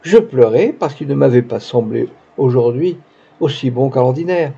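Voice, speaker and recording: A man's voice: medium pitch, lively intonation, moderate pace, creaky, dark tone, husky, full character voice. A man reading the lines of a naive, grieving young woman in a tearful, faltering manner, in a dull lo-fi recording. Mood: anxious.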